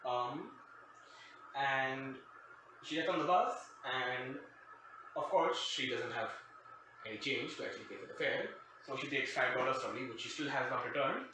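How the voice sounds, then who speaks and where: At normal speed, with long pauses, a man speaks in a medium-pitched, pushed and bright voice, telling a sarcastic, digressive comic story. He is a storytime show host raised outside his current country. The recording has faint noise and strong echo from a distant mic.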